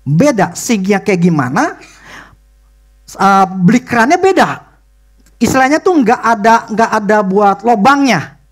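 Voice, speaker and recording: A male pastor, preaching a sermon and telling a personal story in animated, excited bursts. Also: high-pitched, unhurried, pauses often.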